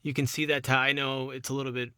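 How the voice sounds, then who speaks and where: A man's voice: mid-range voice, fast, smooth, no echo, clean studio sound. A young man hosting a casual how-to video, explaining step by step from inside a car while working with his hands. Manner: relaxed, chatty, talks while working with hands.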